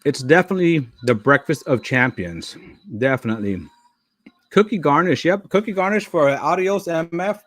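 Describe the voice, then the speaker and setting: A man's voice: fairly high pitch, animated, moderate pace, a bit bright. A middle-aged man hosting a live stream, chatting casually and rambling with frequent fillers, sometimes talking while eating. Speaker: livestream host.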